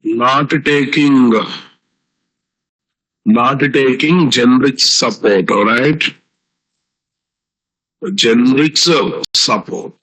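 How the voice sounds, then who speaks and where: A man's voice: medium pitch, very slow, long pauses, a bit bright, rough recording. A man with an Indian Telugu accent giving a live online programming lecture as a teacher, repeating phrases and often checking with students through questions.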